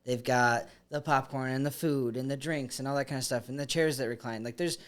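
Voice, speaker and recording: A man's voice: mid-range voice, steady tone, brisk. A man who is a filmmaker, speaking as a podcast guest in a casual, filler-heavy way. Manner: casual, filler-heavy, trails off mid-thought. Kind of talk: casual chat.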